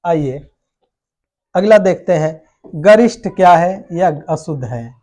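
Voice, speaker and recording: High-voiced man teaching spelling. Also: mellow. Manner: asks a question, then answers it in a falling voice; spells out words slowly, syllable by syllable. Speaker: Hindi teacher. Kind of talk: exam coaching lesson.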